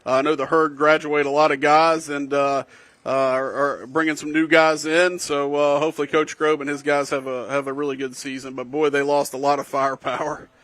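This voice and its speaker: A man giving conversational live golf commentary in a folksy, halting way. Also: on the high side, little pitch movement, fairly bright tone, no room sound.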